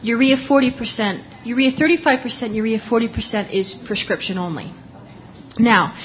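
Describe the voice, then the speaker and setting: A woman's voice: medium pitch, lo-fi sound, a little hiss or hum. A woman lecturing on dermatology in a conversational, explanatory way, restarting sentences often and talking with a lozenge in her mouth. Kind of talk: live lecture.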